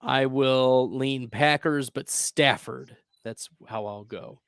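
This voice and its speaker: A man hosting a casual fantasy football advice chat, upbeat and quick to laugh. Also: medium pitch, gravelly, clean tone, dry recording, studio quality. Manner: chatty, upbeat, laughs easily. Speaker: fantasy football show host.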